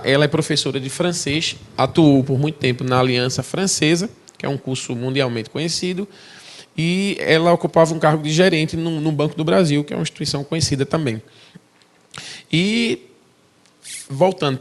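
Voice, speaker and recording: A man in his forties with a strong Pernambuco accent tells his missionary testimony in a church. His voice sits a little high for a man. He keeps turning to the congregation with friendly asides and questions. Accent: Pernambuco Brazilian Portuguese. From Recife, Brazil. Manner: conversational, chatty asides to the congregation.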